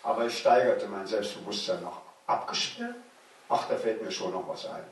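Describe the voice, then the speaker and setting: A German man in his sixties reading aloud from his own memoir, measured and slowing down for suspense. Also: lowish voice. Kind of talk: literary reading. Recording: very echoey room, distant mic.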